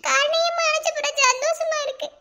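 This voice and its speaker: A woman's voice: very high-pitched, fairly even intonation, moderate pace, pushed and bright, heavily acted. A woman voicing a young village wife in a cartoon, speaking Madurai Tamil, emotional and teasing, often tearful. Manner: tearful, pleading, laughing through tears. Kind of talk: cartoon voice acting. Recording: noisy recording with clicks.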